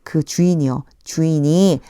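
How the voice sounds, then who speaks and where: A woman teaching an English Bible reading lesson. She reads each English phrase slowly, then explains it in a friendly, chatty way. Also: sits low, dark tone, clean tone, dry recording, clean studio sound. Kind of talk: Bible verse translation lesson.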